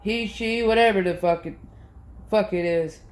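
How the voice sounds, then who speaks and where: A man's voice: high-pitched, normal speed. A man vlogging in a casual, rambling monologue, swearing constantly as he rants about his grievances. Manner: profane, rambling, aggrieved ranting. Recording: echoey room.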